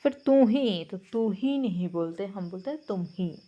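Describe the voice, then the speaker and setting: A woman's voice: medium pitch, animated, a little slow, highs cut off. A woman with a Bengali accent, explaining textbook answers as a Hindi teacher, with a patient manner and frequent hesitations.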